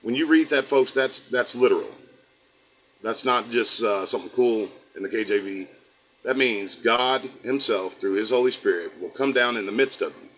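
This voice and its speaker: A middle-aged American man hosts a livestream, chatting casually with viewers and reading chat in a folksy, rambling style that drifts into preaching. His voice is medium-pitched and fairly bright, at a normal speed. The recording is rough, with a little hiss or hum.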